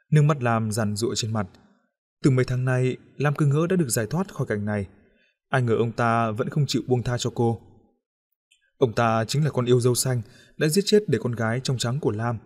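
A man narrating an audiobook novel in a steady, measured storytelling voice. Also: medium pitch.

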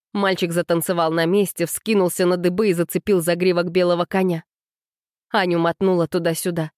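A woman narrating a story in a steady, measured audiobook reading. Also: lowish voice, no room sound, clean studio sound.

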